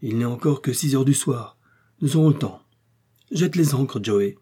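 A man's voice: medium pitch, expressive, moderate pace, warm tone, husky. A man reading an audiobook, voicing a resolute male explorer and scientist with a commanding, urgent manner.

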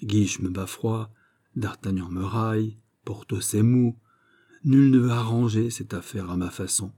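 A man voicing a bitter, impatient young nobleman in an audiobook, low and subdued, with a husky voice. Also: steady tone, a little slow, dark tone. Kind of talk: audiobook character voice.

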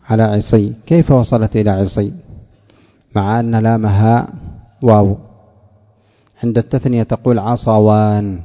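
A man teaching Arabic word morphology in a lecture, who asks his class questions, answers them himself and drags out example words slowly. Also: fairly low pitch. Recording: dull lo-fi recording with long hall reverb.

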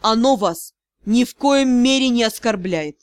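A woman reading an audiobook, voicing a cold, commanding male lord who speaks with icy, unhurried courtesy. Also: on the high side, expressive, dry recording. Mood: icy polite. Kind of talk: audiobook character voice.

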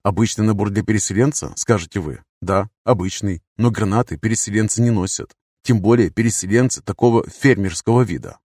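A man with a lowish voice reading an audiobook in the first person. His manner is wry and cynical, steady and matter-of-fact. The recording is dry and close, with no room sound. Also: fairly quick, slightly rough, no room sound. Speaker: audiobook narrator.

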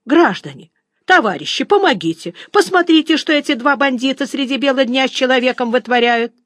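Woman doing a shrill drawling pickpocket guy, loud, whiny, fake victim. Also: animated, moderate pace, no echo, studio quality. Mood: wailing. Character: male pickpocket, shrill, whining, playing the victim.

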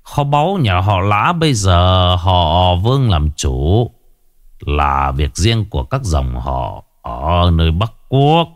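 A man voicing a wise old hermit sage who speaks slowly and calmly with a detached air, in a storybook reading. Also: low-pitched, dry recording, clean studio sound, heavily acted. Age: over 60 (figure). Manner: slow, unhurried, detached.

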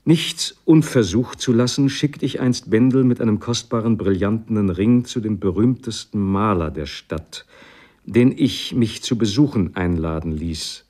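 A man narrates a classic story in the first person, expressive and dramatic. His voice is fairly low. It is a radio reading of literature. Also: unhurried. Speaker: reader.

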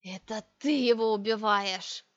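A woman's voice: mid-range voice, fairly bright tone, dry recording. Woman playing a raving ancient crone witch. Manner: slow, wailing, hissing rants. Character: crooked ancient female witch, shrieking, raving. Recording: dry, dull lo-fi recording.

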